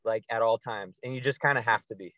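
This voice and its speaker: A man's voice: fairly low pitch, quick pace, dry recording, highs cut off. A man co-hosting a podcast, talking casually and rambling through long sentences with many ums and likes. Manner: rambling, with many fillers and restarts. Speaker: podcast co-host. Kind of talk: casual conversational chat.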